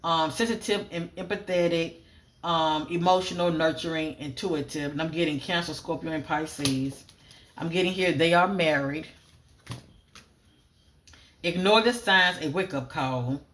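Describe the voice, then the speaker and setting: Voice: medium pitch, unhurried, fairly bright tone. Casual psychic reader listing fragment cues. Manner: lists clipped fragment cues, often "I'm getting"; casual, repeats phrases, frequent "um" fillers. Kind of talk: solo psychic reading, spoken monologue.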